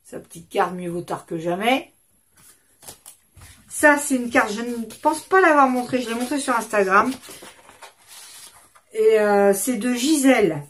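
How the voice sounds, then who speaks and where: A woman's voice: a little high, expressive, unhurried, long pauses. Woman, 50s, vlog host; loose, rambling casual chat from a home desk. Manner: rambling, chatty, self-interrupting. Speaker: craft channel host.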